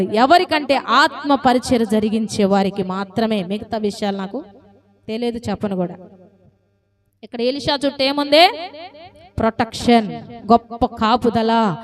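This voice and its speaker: High-voiced woman preaching, quizzing her flock. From South India. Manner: lively, keeps asking the congregation questions. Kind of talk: sermon.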